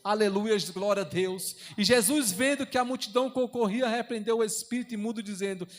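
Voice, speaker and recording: A young deacon preaches in a church with a strikingly high voice for a man. He repeats phrases fervently and moves between raised, urgent passages and soft, hushed ones. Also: fairly quick. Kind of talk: sermon.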